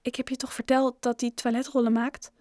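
A woman reads as a shy twelve-year-old boy, hesitant and quick to apologize. The voice is high and dry, close to the mic. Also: little pitch movement, mellow, no room sound, natural voice. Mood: nervous boy.

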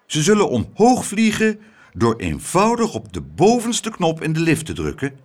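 A man's voice: a little high, huge pitch swings, moderate pace, voice pushed up. A man reading aloud as a small-town mayor who makes grand announcements to a crowd. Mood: announcing. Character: eager pompous male town mayor.

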